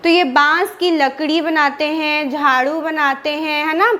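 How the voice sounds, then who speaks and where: A woman with an Indian Hindi accent teaches an exam-prep lesson at an unhurried, deliberate pace. Her voice sits high, and she poses questions aloud, then answers them by repeating the key words. The delivery is patient and drill-like, built for note-taking. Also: fairly even intonation, pushed and bright. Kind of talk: classroom lecture with repetition and revision.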